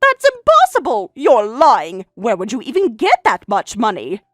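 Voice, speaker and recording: A woman's voice: medium pitch, sing-song, unhurried, dry recording, studio quality, faint music behind. A woman playing a snobbish, judgmental sister-in-law in a family drama, incredulous and blustering, easily flustered into repeating herself. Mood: incredulous, accusing. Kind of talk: acted dialogue in a narrated family drama.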